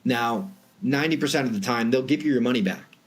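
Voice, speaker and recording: He is a private jet charter broker with a Boston accent, interviewed as an expert. His mid-range voice moves fast as he explains the industry emphatically and conversationally.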